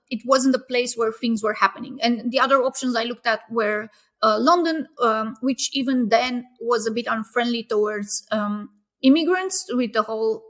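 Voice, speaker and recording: Founder guest, female, fairly high voice, casual and reflective with lots of ums. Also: fairly bright tone. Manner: thoughtful, many fillers and restarts. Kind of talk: casual interview answers.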